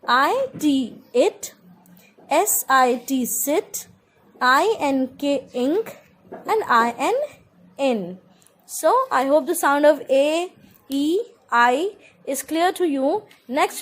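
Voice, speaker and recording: A woman with an Indian English accent teaching a children's phonics lesson, slowly spelling out letters and switching between Hindi and English. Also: high-pitched.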